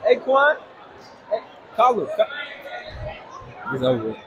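A man's voice: sits high, wildly swooping pitch, measured pace, lo-fi sound, crowd noise. A young man hosting casual public interviews, asking blunt teasing questions into a handheld mic in a busy school hallway. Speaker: vlogger interviewing students.

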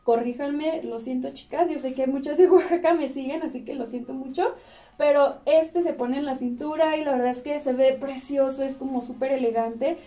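A woman's voice: high voice, steady tone, moderate pace, dark tone, recorded from a distance. A young Mexican woman presenting outfits to camera in a cheerful, chatty way with frequent laughs, recorded in a small room. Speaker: fashion vlogger. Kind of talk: casual chat to camera. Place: small indoor room with clothes rack.

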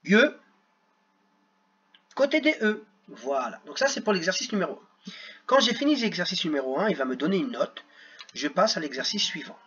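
A man's voice: sits high, sing-song, moderate pace, long pauses, a bit bright, husky, muffled recording. A man teaching young children at a computer, sounding out words syllable by syllable. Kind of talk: screen-recorded lesson for children.

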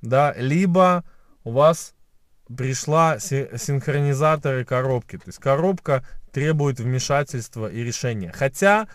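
A man's voice: medium pitch, animated, unhurried, no echo, clean studio sound. A man in his thirties who cannot roll his r, explaining a repair step by step in a how-to vlog. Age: 30s. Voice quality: soft, non-rolled r (a burr). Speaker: car repair vlogger. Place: inside a parked car at night. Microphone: camera at arm's length.

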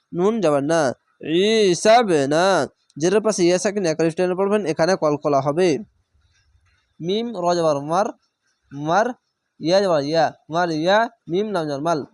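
A man with a fairly high voice leads a slow reading lesson. He sounds out each letter and vowel mark, then blends them into whole syllables, repeating patiently. The recording is close and dry. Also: no echo. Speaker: Quran reading teacher.

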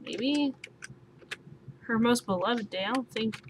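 A woman's voice: fairly high pitch, slow pace. Swearing young woman gaming, sleepy. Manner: swears often, exclaims, thinks aloud. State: sleepy, just woke up. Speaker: gaming YouTuber. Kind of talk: let's play commentary. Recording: noisy home recording with keyboard sounds.

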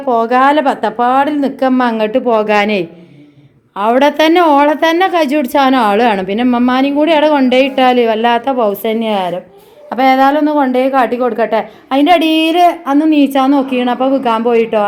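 Chatty high-voiced woman vlogging at home. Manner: chatty, addresses viewers directly. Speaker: family vlogger. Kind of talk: casual home vlog.

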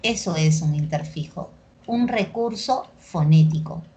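A young woman with a Peruvian accent teaching a language class, lively and constantly checking that students follow along. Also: low-pitched. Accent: Peruvian Spanish. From Peru. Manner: lively, keeps checking understanding with quick tag questions. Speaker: pre-university language teacher. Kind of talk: recorded class lecture.

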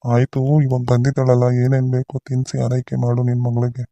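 A man's voice: mid-range voice, monotone, brisk, dark tone, no echo, lightly acted. A man playing an easygoing village father who sounds weary and grumbles at his wife in a family skit. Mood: grumbling.

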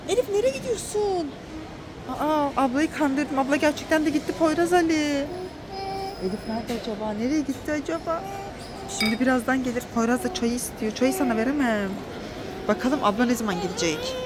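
Mom vlogger, high voice, animated and excitable; outdoor phone recording with clear noise behind. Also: female voice. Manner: animated, excitable, urgent shouting during pretend chase games. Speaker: mother filming her children. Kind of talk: family vlog play-acting with kids. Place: in and around a car outdoors.

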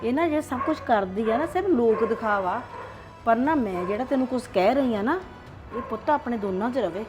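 A woman with a Punjabi accent playing a scheming older grandmother who coaxes a child in a soft, conspiratorial way. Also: fairly high pitch, lively intonation, normal speed, over music, natural voice. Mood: coaxing. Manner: coaxing, conspiratorial.

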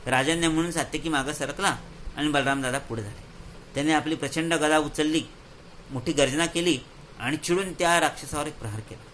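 A man telling a moral story to children, lively and explaining, often repeating words for effect. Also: fairly high pitch, slight background noise, low-quality recording.

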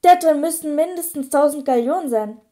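A woman's voice: high voice, brisk, mellow, pitched above the performer's own voice, natural voice. A woman voicing a stunned teenage prankster boy. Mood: subdued. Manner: incredulous, subdued.

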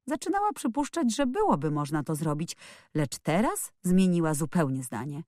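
Audiobook narrator, woman, lively swinging delivery, lowish voice, dry close studio sound. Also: normal speed, no room sound. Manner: expressive, lively storytelling. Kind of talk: scripted narration.

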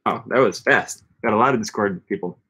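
Reading viewer comments on a casual livestream, the upbeat young host of a language-learning channel speaks loosely, thinking aloud with many ums and restarts. A desk microphone sits close in front of him in a small indoor room with a bookshelf, capturing a lowish, slightly rough voice that moves fairly quickly.

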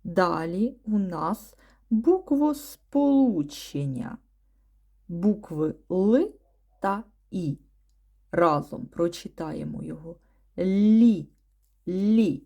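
A woman teaching a first-grade class, patiently sounding out letters one by one and using gentle diminutive words for small children. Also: on the low side, animated, slow pace, creaky, husky. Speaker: primary school teacher. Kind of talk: first-grade reading and writing lesson.

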